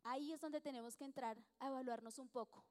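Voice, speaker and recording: A woman with a high voice gives an earnest church talk mixed with personal testimony. She speaks in a chatty, heartfelt way. Her voice carries with a long echo, as in a church hall. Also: steady tone, quick pace, a little mellow. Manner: earnest, chatty, acts out dialogue with frequent small laughs.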